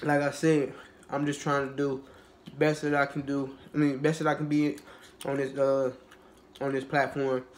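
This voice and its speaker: A young man in a casual mukbang vlog, who rambles in a relaxed, low-energy way with lots of fillers and restarts and has a cold. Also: moderate pace, slight background noise. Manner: low-energy, laid-back. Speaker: YouTuber.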